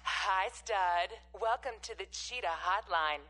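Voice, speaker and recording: A woman acts as a teasing adult hotline operator in a radio commercial. Her voice is bright and mid-pitched, and she delivers the pitch flirtatiously. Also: takes it slowly. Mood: flirty. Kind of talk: radio ad acting.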